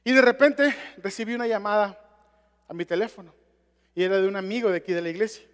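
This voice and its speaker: Man, pastor, very high voice, sermon storytelling, chatty and direct, long hall reverb. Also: quick pace, fairly bright tone, smooth. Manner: conversational, addresses listeners directly.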